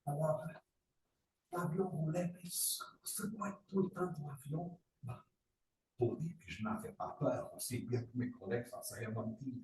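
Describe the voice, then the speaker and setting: A man from Angola tells a story to a group with vivid energy, acting out moments with sound effects and sudden leaps in pitch. His voice sits in the middle of the male range. He is heard from a distance in an echoey room with a faint hiss behind him. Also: darkish tone. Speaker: participant sharing a story. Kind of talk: animated personal testimony. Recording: roomy, distant, faint noise.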